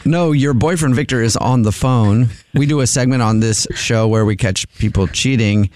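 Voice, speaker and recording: A man's voice: medium pitch, normal speed, darkish tone, no room sound. A man hosting a radio show, making a prank phone call in a casual, chuckling way with lots of fillers. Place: radio studio.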